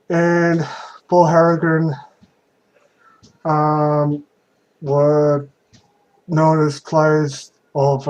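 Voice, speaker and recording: A young man speaks in a slightly high voice at a slow pace. He talks casually and without a script, like a vlogger taking viewer questions. His delivery is halting and hesitant, with frequent pauses in the middle of sentences. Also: darkish tone, low-quality recording. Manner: halting, hesitant, pausing often mid-sentence. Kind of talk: casual unscripted question-and-answer talk.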